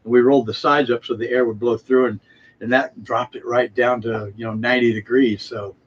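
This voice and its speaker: A man's voice: medium pitch, fairly even intonation, a little fast, husky. A man chatting casually and ramblingly in a folksy way as co-host of a live stream about home growing. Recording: muffled, noisy live-stream audio.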